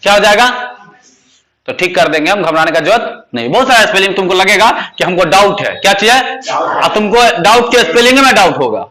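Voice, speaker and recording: High, bright-voiced man teaching a class. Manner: quizzes the class with rapid questions and repetition. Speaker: English teacher. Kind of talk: classroom lecture.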